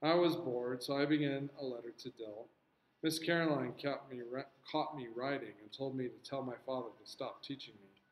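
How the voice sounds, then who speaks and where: A man's voice: mid-range voice, steady tone, normal speed, roomy sound, highs cut off. A man reading a novel aloud to a class, stopping for casual asides to explain the story.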